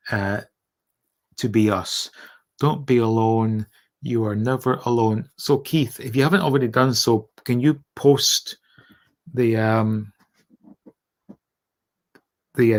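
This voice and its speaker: A middle-aged man with a Scottish accent hosting a casual livestream, speaking in a candid, self-deprecating and sweary way. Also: mid-range voice. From Scotland. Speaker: livestream host. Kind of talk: casual livestream chat, reading out and answering comments.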